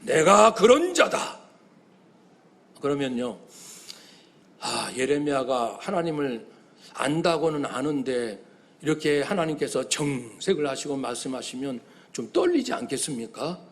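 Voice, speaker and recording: A male pastor preaching a sermon, acting out young people's cries to God and swinging between loud exclamations and quiet asides. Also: medium pitch, expressive, normal speed.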